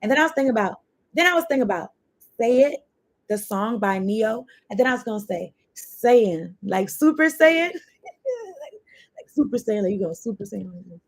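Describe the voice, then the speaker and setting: Speaking at an ordinary pace in an expressive mid-range voice, a woman gives a laid-back tarot reading. She chats and rambles, drifting from card to card and thought to thought, with the occasional curse.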